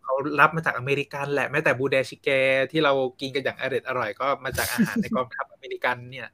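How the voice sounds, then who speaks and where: A man co-hosting a casual podcast chat, telling stories and explaining things in a relaxed way. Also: mid-range voice, quick pace, a crowd in the background. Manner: chatty storyteller, explaining. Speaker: podcast co-host. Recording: recorded from a live stream.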